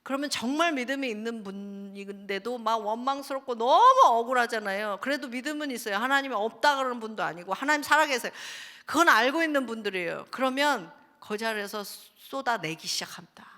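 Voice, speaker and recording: A pastor's wife preaching at a Friday service, animated, swinging between loud bursts and hushed asides as she acts out people's prayers. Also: on the high side, brisk, few pauses. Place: church sanctuary. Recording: reverberant church hall.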